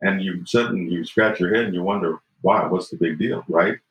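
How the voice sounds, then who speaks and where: A man in his fifties, a podcast guest, speaks earnestly and reflectively in a low voice at normal speed, often saying "you know" and checking in with "right?". The recording is roomy, with a dull lo-fi sound.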